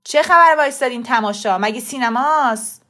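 A woman reading a storybook voices a scruffy, belligerent male caretaker who shouts hoarsely and talks rudely. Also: fairly high pitch, pitched above the performer's own voice. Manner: rude, bullying.

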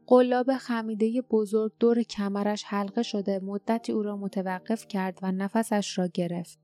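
A woman narrating an audiobook in a steady, even storytelling manner. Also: medium pitch, soft background music.

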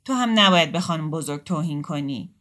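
A calm intellectual man in a storybook reading reasons gently and tries to make peace, as a woman narrator reads him. The voice stays close to the reader's own, slightly low and unhurried. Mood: soothing.

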